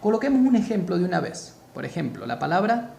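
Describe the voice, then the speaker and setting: Slow, deliberate man teaching grammar. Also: high-pitched, sing-song, creaky, darkish tone, reverberant, a little hiss or hum. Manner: slow, deliberate, repeats key terms for emphasis. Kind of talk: spoken grammar lesson.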